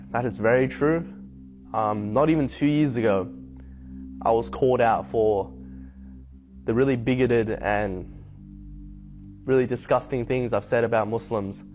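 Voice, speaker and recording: A young man from Hong Kong speaks in a reflective, personal way, pausing on soft ums as he tells his story. His voice sits at an ordinary middle pitch, with a faint music bed running quietly underneath. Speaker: convert sharing his story. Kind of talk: personal testimony to camera.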